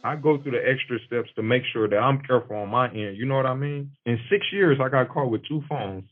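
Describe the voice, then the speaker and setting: A man in prison talking casually over a prison payphone line, in low-key speech. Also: lively intonation, fairly quick, soft background music. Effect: heard over a prison payphone line. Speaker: incarcerated interviewee. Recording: tinny prison phone line.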